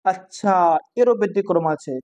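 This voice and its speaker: Mellow-voiced teacher quizzing students. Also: medium pitch, moderate pace. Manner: repeats points as quiz questions to students; mixes English terms into Bengali explanation. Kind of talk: casual online grammar lesson. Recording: dull lo-fi recording.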